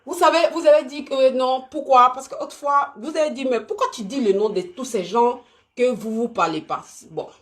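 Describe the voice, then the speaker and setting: A woman from Côte d'Ivoire hosts an unscripted live stream, speaking straight to her viewers in a high voice at normal speed. She is animated, emphatic and repetitive.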